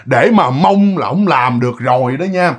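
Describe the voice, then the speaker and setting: A man's voice: mid-range voice, expressive, normal speed. A man with a Southern Vietnamese accent telling a ghost story in a chatty, casual way, talking straight to his listeners. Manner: chatty, addresses listeners, lots of fillers.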